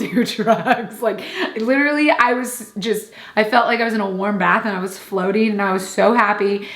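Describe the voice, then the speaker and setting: A young woman vlogger tells a personal story in a casual, chatty way, laughing often and filling her talk with fillers and quoted asides. Her voice is mid-range and fairly bright, with a roomy sound.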